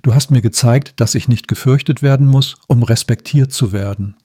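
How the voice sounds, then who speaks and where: Brief: a man doing a moody storybook storm spirit, grumbling, mellow dark tone. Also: medium pitch, moderate pace, breathy edge, no room sound, clean studio sound, lightly acted. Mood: softened. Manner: thundering, grumbling.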